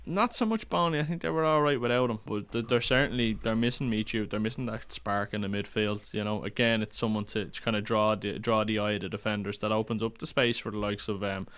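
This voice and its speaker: A man's voice: lowish voice, fast talker, few pauses, fairly bright tone, clear, resonant tone. A man chatting casually about fantasy football on a podcast, opinionated and full of restarts. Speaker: podcast panelist.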